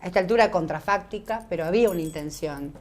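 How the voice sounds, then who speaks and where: A woman's voice: fairly low pitch, fast. A woman with an Argentine accent hosting a political talk show, asking reflective questions in easy conversation. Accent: Argentine Spanish. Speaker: host. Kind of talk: radio talk show chat.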